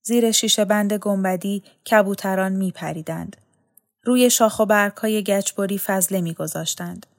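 A woman narrating a story in a calm, measured reading voice. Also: medium pitch. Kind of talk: audiobook narration.

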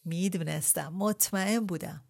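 A woman voicing a young husband who speaks in a low, hushed, slow and wheedling way, leering and insistent. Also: gravelly.

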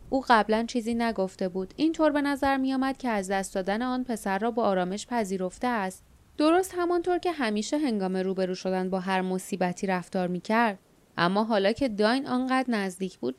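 A woman narrating an audiobook in a measured, steady reading. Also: mid-range voice, clear, resonant tone. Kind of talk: scripted narration.

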